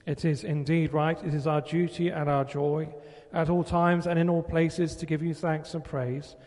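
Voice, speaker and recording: Priest, male, measured liturgical delivery; slightly raised pitch, long cathedral reverb. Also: level tone, a little mellow. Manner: measured, formal liturgical recitation. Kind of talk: leading a Eucharistic prayer. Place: large church. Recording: long reverb in a large church.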